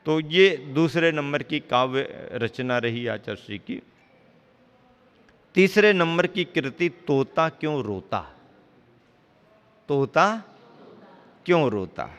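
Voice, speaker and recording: A man giving a sermon as a Jain monk, teaching slowly and deliberately with playful wordplay. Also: fairly high pitch, lively intonation, a bit bright, clear, resonant tone, dull audio. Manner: slow, deliberate teaching with wordplay, stretching words apart for emphasis. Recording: long hall reverb.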